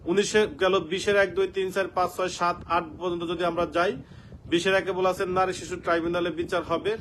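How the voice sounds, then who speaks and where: A man with a Bangladeshi Bengali accent runs an online law lecture from home, racing through long lists of section numbers with barely a pause. His voice sits high and stays flat, with little rise or fall from one item to the next. A faint hum of room ambience sits under the talk. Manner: rapid recitation of section numbers, checks in with students. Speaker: law teacher.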